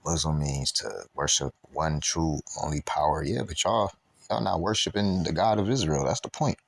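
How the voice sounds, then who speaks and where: A man with an extremely deep, husky voice talks through a Bible lesson in loose street slang, full of fillers and asides. When he reads scripture he slows down and trips over the archaic words. The recording is dry and close, with no room sound. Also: dry recording. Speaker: Bible teacher. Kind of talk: casual Bible study talk.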